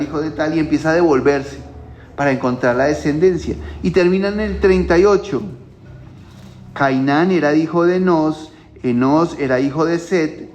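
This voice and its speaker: A man's voice: on the high side, a little mellow. A male pastor giving a Bible teaching at a home church, explaining things step by step and often checking in with his listeners.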